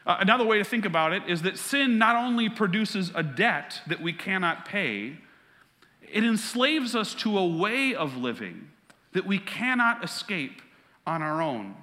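Bright-voiced preacher in a reverberant sanctuary. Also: male voice, high voice, big pitch swings, a little slow. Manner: earnest, conversational preaching with anecdotes. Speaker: pastor. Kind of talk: sermon.

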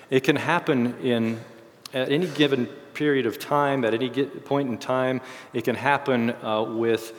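A man with a medium-pitched voice, worn and slightly failing as he recovers from a cold, teaches a Bible lesson in a relaxed, explanatory way. He halts and corrects himself as he leads his church series on discipleship for a group gathered in a large room, with the recording picking up reverberant hall sound.

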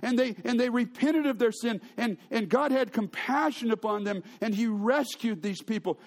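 A man's voice: a little high, darkish tone. A man preaching a sermon, telling stories with humor and often restarting his sentences. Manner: storytelling with humor and frequent restarts. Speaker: pastor.

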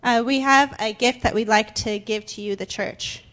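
Higher-voiced young woman interpreting. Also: steady tone, moderate pace, fairly bright tone, muffled recording. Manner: hesitant, with fillers and restarts. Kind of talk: consecutive interpreting. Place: church sanctuary.

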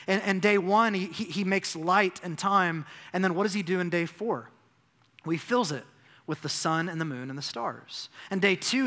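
Male pastor, bright ringing voice, emphatic sermon delivery, reverberant church hall. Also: high-pitched. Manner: animated, emphatic preaching with rhetorical questions and repetition. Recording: long reverb of a large hall.

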